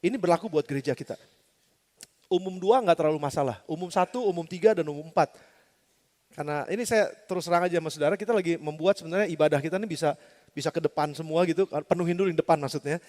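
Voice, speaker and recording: A male pastor giving a lively storytelling sermon, addressing the congregation with rhetorical questions in a large church hall. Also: a little high, fast talker.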